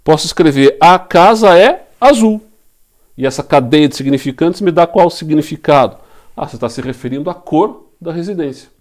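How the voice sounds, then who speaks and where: A man's voice: fairly high pitch, a little fast, a little mellow. A man with a Brazilian Portuguese accent giving a recorded lecture, teaching step by step with rhetorical questions and repeated key terms. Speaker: law lecturer.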